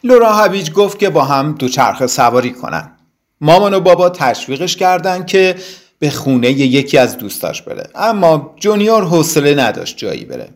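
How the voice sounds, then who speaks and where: A man reading a children's story aloud in an expressive way with dramatic pauses. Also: fairly high pitch.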